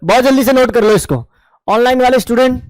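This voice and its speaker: Speaking very high and fast, a man lectures a chemistry class in Hindi peppered with English terms. He warmly coaxes his students with questions that he then answers on his own, captured in a dry recording.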